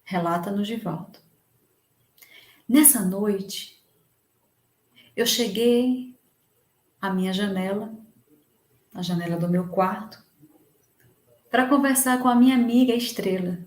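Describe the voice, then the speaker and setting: A woman giving a Spiritist lecture, slowly retelling a devotional story in the first person with emotion. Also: mid-range voice, darkish tone, echoey room.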